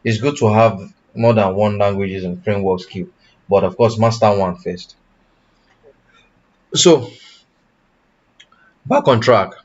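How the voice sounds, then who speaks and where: A man teaching blockchain development in a live online class, pausing often and correcting himself, and checking in with "you understand?". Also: fairly low pitch, lo-fi sound. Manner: halting, self-correcting, asks "you understand?". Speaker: tech instructor.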